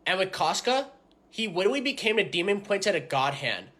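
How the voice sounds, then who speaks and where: A man's voice: sits high, big pitch swings, brisk, fairly bright tone. A man acting out comedy sketch dialogue in an argumentative, emphatic manner.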